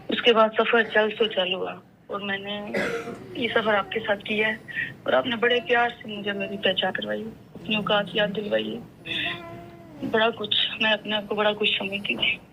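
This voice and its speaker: Earnest woman on a muffled phone line. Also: medium pitch. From Pakistan. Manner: halting, earnest, self-reproaching. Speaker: caller giving testimony. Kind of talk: emotional phone-in testimony.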